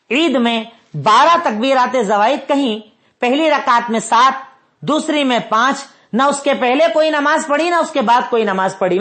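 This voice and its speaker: Male religious teacher, methodical, slow repeated dictation, quiz questions to listeners. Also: very high voice, a bit bright. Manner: methodical, repeats points and references slowly for note-taking. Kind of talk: religious instruction lesson.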